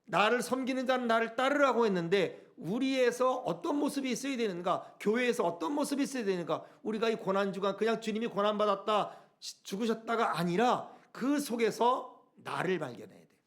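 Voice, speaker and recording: A man's voice: sits high, animated, a little fast, fairly bright tone. A middle-aged male pastor preaching a sermon in a church, asking the congregation questions and reading scripture aloud. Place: church sanctuary.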